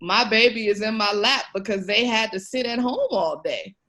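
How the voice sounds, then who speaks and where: Speaking at normal speed with a medium pitch and sharp tone, this education researcher is an interview guest on a podcast. She talks conversationally to the listener, with an emphatic, encouraging manner.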